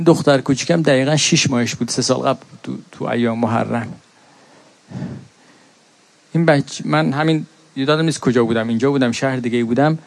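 A middle-aged man preaching a mourning sermon in a high voice. He moves from plain storytelling into an impassioned, lamenting chant of recited verses. The sound is dry and close, with no room around it. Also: a little mellow, no echo.

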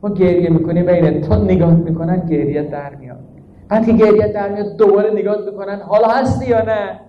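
This sermon comes from a man whose voice sits high and holds a steady tone, with a little hiss or hum behind it. As a preacher, he asks rhetorical questions, drives his points home in an emphatic teaching style, and recites Arabic verses, all captured in a dull, echoing hall.

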